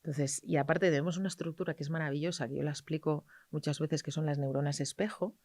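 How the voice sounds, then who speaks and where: A middle-aged woman, a pediatrician explaining things in an interview, lively and quick to act out parents and children. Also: low-pitched, no echo, studio quality. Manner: animated, acts out parents and children in quoted voices. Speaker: pediatrician guest. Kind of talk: interview conversation.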